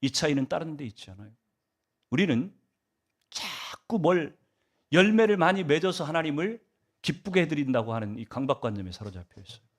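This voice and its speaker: Throwing rhetorical questions at his congregation, a male pastor preaches a Sunday sermon with emphasis that rises and falls. He speaks in a slightly high voice with a fairly bright tone.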